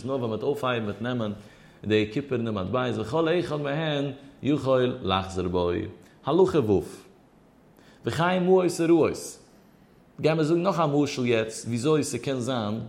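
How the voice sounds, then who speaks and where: A man's voice: mid-range voice, vocal fry, a little mellow. Man lecturing in a sing-song study chant. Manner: asks and answers his own questions. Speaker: teacher of religious law.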